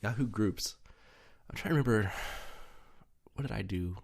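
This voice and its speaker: A young man with a deep, low voice co-hosts a podcast. He chats casually and rambles through his stories, full of fillers and easy laughter. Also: normal speed, creaky. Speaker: podcast co-host. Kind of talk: casual chat.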